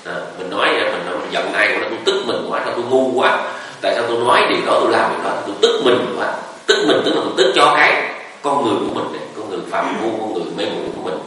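A man's voice: on the low side, lively intonation, fast talker, bright, forceful tone, slight background noise. A man, a Buddhist monk giving a conversational dharma talk, telling stories and asking the audience rhetorical questions. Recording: echoey hall recording from far off.

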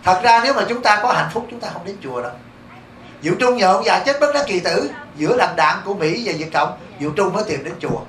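Monk with a Southern Vietnamese accent, a male teacher preaching in a temple hall; high, quick delivery, echoey room, caught from a distant mic. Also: a little hiss or hum. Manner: lively, keeps asking the audience rhetorical questions. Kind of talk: dharma talk to a congregation.

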